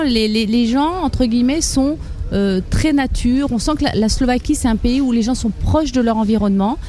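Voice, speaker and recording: A woman chats through her answers in a warm, mellow voice, her pitch sitting in an ordinary middle range. She hesitates often, filling gaps and starting phrases over as she goes. A faint hiss lies under her voice. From Paris, France. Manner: chatty, many fillers and restarts. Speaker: interviewee, expatriate mother. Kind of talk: casual interview answers.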